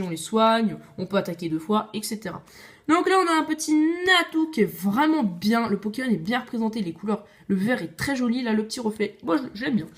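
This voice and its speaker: Woman with a slightly high voice, chatty, rambling through her card binder. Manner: chatty, opinionated, frequent hesitations. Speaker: video creator. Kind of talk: casual card collection showcase.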